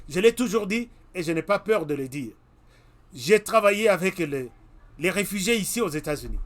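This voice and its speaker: A man's voice: high-pitched, fairly bright tone. A Congolese man hosting his own web TV channel, talking straight to his viewers in an emphatic commentary monologue full of repeated warnings. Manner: emphatic, repeats warnings, addresses listeners directly. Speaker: web TV host.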